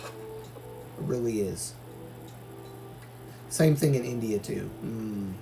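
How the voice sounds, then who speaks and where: A man's voice: lowish voice, very slow, gravelly, warm tone, slight background noise. A man from Algeria hosting a livestream, chatting casually and giving his opinions with many fillers and restarts. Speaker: livestream host. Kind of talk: casual chat reading viewer comments.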